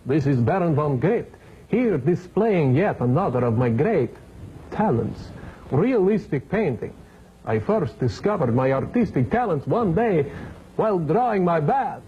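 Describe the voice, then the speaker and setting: A hammy vampire baron hosting late-night horror television, with a fairly high voice that swings up and down. He is pompous and ghoulish, relishing his puns with mock menace. The sound is dull, faintly hissy vintage TV tape. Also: very animated, unhurried. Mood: pompous, boastful. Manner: theatrical, hammy, mock-sinister delivery. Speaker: horror host. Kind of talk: campy TV horror host monologue.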